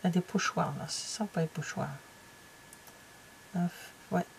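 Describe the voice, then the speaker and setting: A woman's voice: lowish voice, steady tone, normal speed, vocal fry, a little hiss or hum. Chatty, hesitant French woman. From France. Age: middle-aged. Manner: chatty and hesitant, many fillers and trailing asides, drops to near-whispers. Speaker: craft vlogger flipping through a stamping catalogue. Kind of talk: casual chat.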